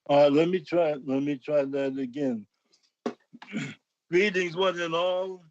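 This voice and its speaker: A man giving a public comment over a bad video call connection, reading a prepared statement slowly and deliberately. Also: on the high side, a little mellow. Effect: bad connection, audio breaking up. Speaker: public commenter, senior advocate. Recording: muffled, breaking-up video call audio.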